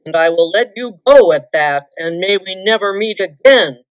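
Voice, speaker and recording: A woman voicing a proud, bitter male dwarf king in a storybook reading, grim, forceful and commanding. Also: mid-range voice, lively intonation, normal speed, close to an everyday voice. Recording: dull lo-fi roomy recording.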